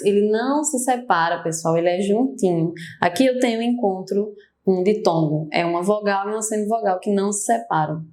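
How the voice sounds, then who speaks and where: A young adult woman with a Brazilian accent teaching a grammar lesson for exam prep, explaining step by step and often turning to her students. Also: mid-range voice. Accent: Brazilian Portuguese.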